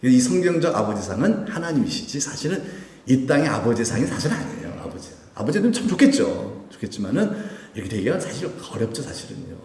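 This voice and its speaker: A man's voice: medium pitch, big pitch swings, fast talker, darkish tone. A man preaching a Sunday sermon, putting questions to the congregation as he goes. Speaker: pastor. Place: church sanctuary. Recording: echoey church hall with long reverb.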